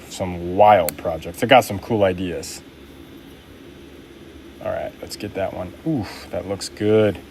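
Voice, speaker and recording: A man's voice: lowish voice, a little mellow, slight background noise. A young man making knives and chatting casually with his live-stream viewers while he works, upbeat and laid-back. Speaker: knife maker live-streaming his work.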